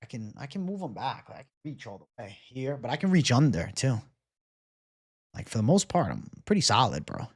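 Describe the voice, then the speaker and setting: A very animated man in his twenties, mid-range in pitch with a breathy edge, hosts a livestream at a moderate pace. He reads and answers viewer comments in relaxed, sweary, slangy bro-talk, captured in studio quality without room sound.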